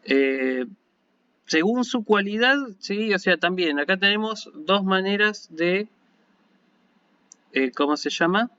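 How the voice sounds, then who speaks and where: A man's voice: sits high, expressive, slow, long pauses, bright, forceful tone, clean tone. Patient Argentine male lecturer, dull audio. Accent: Argentine Spanish. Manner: patient and explanatory, often checking in with listeners. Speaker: university lecturer in Ancient Greek. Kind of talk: online lecture. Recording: dull lo-fi recording.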